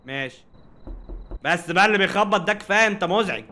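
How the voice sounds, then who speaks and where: Lively Egyptian gamer man, fast and bright. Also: high voice. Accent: Egyptian Arabic. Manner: animated, jokey, talks to game characters. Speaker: gaming streamer. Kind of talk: casual let's-play commentary.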